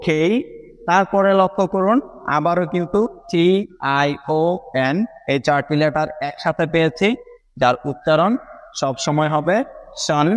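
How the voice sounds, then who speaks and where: A Bangladeshi-accented man with a fairly high voice walks through word spellings one letter at a time, stopping to ask his viewers if they follow. His voice rings out with a long hall reverb behind it. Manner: explains step by step, spells words letter by letter, often asks "right, guys?". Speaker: English teacher. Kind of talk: spoken phonics lesson.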